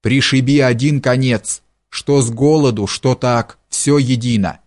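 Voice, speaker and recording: A man reading an audiobook, voicing a poor peasant man who pleads slowly and then curses in fury. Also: medium pitch, steady tone, close to an everyday voice. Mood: furious.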